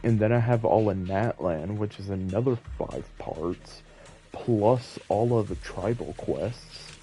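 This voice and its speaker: Taking it slowly in a warm, fairly low voice, a man livestreams a game and rambles to his viewers with casual, self-deprecating commentary. Video game music plays in the background.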